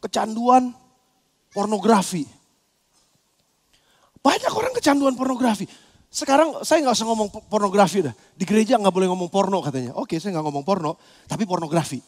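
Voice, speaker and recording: A man pastor preaching a sermon, animated and acting out quoted voices, at times breaking into shouts. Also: high voice, fairly quick, pauses often. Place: church hall. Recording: long church hall reverb.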